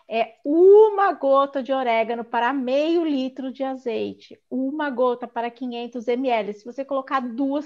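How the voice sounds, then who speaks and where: A woman's voice: fairly high pitch, darkish tone. A woman from Brazil explaining practical tips in a casual discussion. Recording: dull lo-fi audio.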